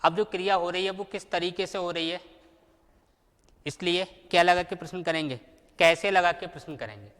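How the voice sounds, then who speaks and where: A man teaching a grammar lesson, who asks questions and answers them himself and slowly repeats the key words. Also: sits high, fairly bright tone, big-room sound.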